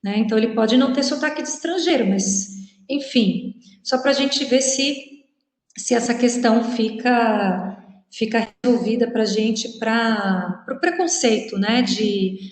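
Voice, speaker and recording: A woman's voice: on the high side, unhurried. Chatty teacher woman in an echoey room. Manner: chatty, frequent "né?" tags, acts out quoted speech. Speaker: teacher giving a presentation. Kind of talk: informal lecture with slides. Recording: echoey room with long reverb.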